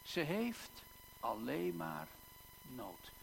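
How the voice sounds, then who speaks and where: A male pastor preaching a sermon in a church, slow and emphatic, with long dramatic pauses and repeated words. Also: fairly high pitch, big pitch swings, vocal fry. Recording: echoey church hall, faint hum.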